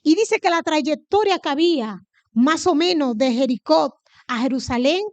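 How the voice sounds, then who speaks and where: In a high voice with a Dominican Spanish accent, a Dominican woman delivers a sermon to her congregation, asking them question after question and supplying the answers herself. The recording is dry and close with little echo, a little mellow, and its highs are cut off.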